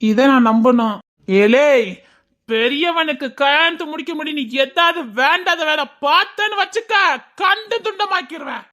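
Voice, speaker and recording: A man's voice: sits high, moderate pace, close to an everyday voice. A man playing a suspicious village father who scolds his son and threatens him. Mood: scolding. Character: stern village father hunting a bride for his elder son.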